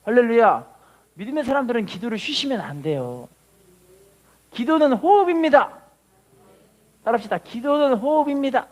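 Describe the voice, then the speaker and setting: Man, pastor, sermon, high voice, animated, call-and-response. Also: moderate pace, long pauses. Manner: call-and-response preaching with frequent hallelujahs; preaches with dramatic rises in pitch and volume.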